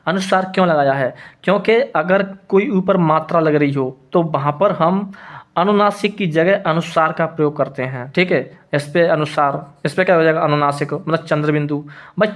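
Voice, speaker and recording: A man with a slightly high voice gives a classroom explanation of Hindi grammar at a moderate pace. He keeps repeating his points and answers his own questions.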